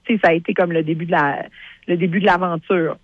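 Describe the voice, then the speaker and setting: Une femme à l'accent québécois, invitée d'une émission de radio, raconte son histoire avec animation et imite les répliques. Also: female voice, lowish voice, quick pace, slightly rough, no echo, phone-quality sound. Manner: animated storyteller who acts out quotes. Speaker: guest, creator of a TV series. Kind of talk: radio interview.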